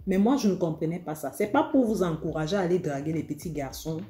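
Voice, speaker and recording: African woman vlogging relationship advice, lowish warm voice, roomy echo, bit of music behind. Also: quick pace. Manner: animated, acts out dialogue, addresses viewers directly. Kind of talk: casual confiding storytelling.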